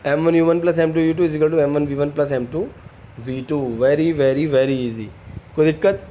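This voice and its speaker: A man's voice: fairly high pitch, fairly even intonation, dark tone. A man teaching a physics lesson, mixing Hindi and English and often asking his students whether they follow. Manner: asks students quick check questions, calls them beta.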